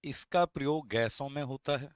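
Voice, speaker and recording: Male teacher, online class, slow patient dictation, repeats lines, dry close mic. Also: medium pitch, smooth, no room sound. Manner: slow dictation, repeating each phrase for students to copy; addresses students as beta, asks questions and answers them himself.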